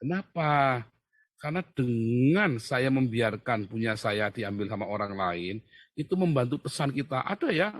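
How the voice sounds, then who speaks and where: Forceful, mocking male livestream ranter. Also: fairly high pitch, no room sound, clean studio sound. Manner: animated and mocking, often addressing listeners as brothers. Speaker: livestream commentator. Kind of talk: fiery livestream monologue.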